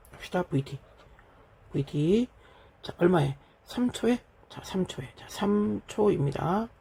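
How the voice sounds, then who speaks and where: A gravelly, husky man in middle age lectures on physics while he writes on a board. His voice sits a little high and sounds dark and mellow. He keeps asking his students whether they are following. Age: middle-aged. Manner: keeps checking in with "됐죠?" and "그죠?"; talks while writing on a board. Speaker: physics teacher. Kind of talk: lecture solving an exam problem.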